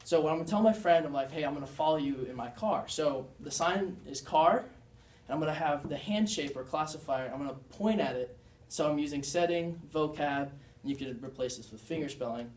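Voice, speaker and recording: A man's voice: on the high side, moderate pace. A young man giving a class presentation as a student, explaining and demonstrating signs in an earnest way. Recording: echoey room, mic far off.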